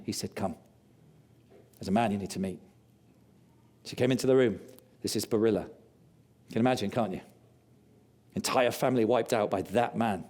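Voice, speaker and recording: A man preaching a sermon, telling stories with passion and dropping low and quiet for confession. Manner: impassioned storytelling, rising loud on key lines.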